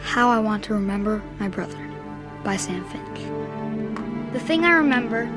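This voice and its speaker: A woman's voice: on the high side, expressive, normal speed, over loud music, natural voice. A woman playing a solemn, earnest young boy who narrates memories of his twin brother in a video game. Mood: earnest, remembering. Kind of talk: scripted game narration, reading a memoir.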